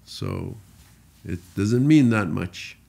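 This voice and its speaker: A middle-aged man from Saudi Arabia speaks in a low voice as a podcast guest. He explains his ideas through stories and laughs often, in an easy conversational tone. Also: wildly swooping pitch, slow pace, vocal fry, mellow.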